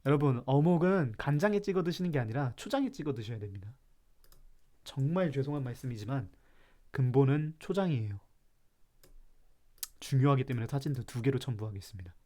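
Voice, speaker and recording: A man's voice: mid-range voice, animated, a little fast, pauses often, warm tone. A man from Chungcheong, South Korea, hosting a live stream and ranting about food in a playful, mock-serious way while reacting to chat.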